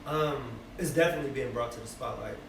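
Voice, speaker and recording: A man's voice: mid-range voice, fast, gravelly. Bay Area guy in his twenties, loose reflective chat, roomy echo, distant noisy mic. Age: 20s. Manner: loose, reflective, many fillers and "you feel me". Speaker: rapper guest. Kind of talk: casual interview chat.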